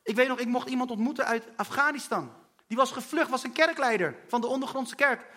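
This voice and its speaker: A man's voice: very high voice, a little fast, bright, forceful tone. A man preaching a sermon in an earnest, personal way and speaking straight to his listeners.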